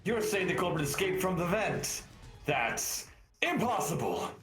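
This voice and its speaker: A man's voice: high-pitched, sing-song, measured pace. A man voicing a haughty, disbelieving, dismissive adversary in a mystery game fan dub. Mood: scornful. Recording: echoing voice under loud music.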